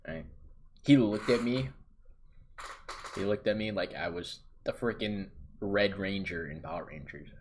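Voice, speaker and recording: A man telling a comic tale in a boastful, exaggerated way, swinging between loud bursts and mutters. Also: deep voice, a little hiss or hum. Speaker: vlogger. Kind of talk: comedic storytelling.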